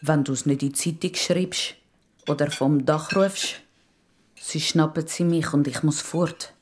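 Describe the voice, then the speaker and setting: A woman voicing Uncle Ibrahim, a kind, funny man without papers, calm and resigned in a radio play. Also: sits low, measured pace, slight background noise.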